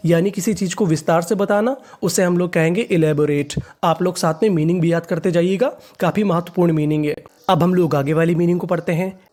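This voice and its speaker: A man teaching English reading in a class. He spells out words, asks what they are read as, answers himself, and repeats each word slowly several times. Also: a little high, darkish tone. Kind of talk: classroom lesson.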